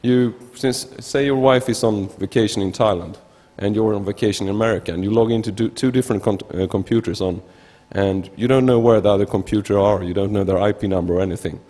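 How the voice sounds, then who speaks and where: A Swedish researcher in his thirties, with a lowish, dark voice and a Swedish accent, gives a halting, informal technical talk and often restarts words. He speaks through a gooseneck microphone at a lectern in a large conference hall, and the recording has the reverb of a lecture hall.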